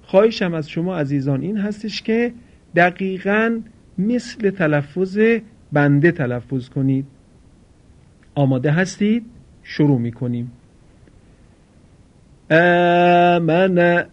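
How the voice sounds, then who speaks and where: A man teaching Quran recitation pronunciation, drawing out each model word slowly between brisk explanations. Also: on the high side, lively intonation, a little mellow. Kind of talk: pronunciation lesson with drills. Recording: dull lo-fi recording.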